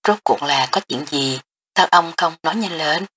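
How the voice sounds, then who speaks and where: A woman reading an audiobook, voicing a lively young princess who talks in a hurried, eager way. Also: deep voice, slight background noise. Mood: urgent, impatient.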